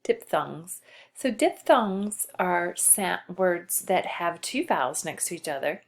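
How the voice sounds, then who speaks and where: A woman teacher giving a patient spelling lesson to a child, slowly spelling out letters. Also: fairly low pitch, lively intonation, gravelly.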